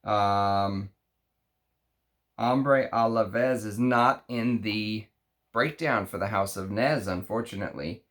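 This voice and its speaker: A man with a Texas accent chatting unscripted through an unboxing, halting and thinking aloud as he reads out names. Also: on the low side, fairly bright tone. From Texas, United States. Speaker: fragrance review show host. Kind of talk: unscripted unboxing chat, reading out names and notes.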